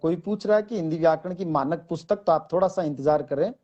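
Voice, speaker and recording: A man who is a Hindi lecturer, explaining grammar to exam students slowly and deliberately, spelling out word lists one by one. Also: on the high side, dark tone, dull audio.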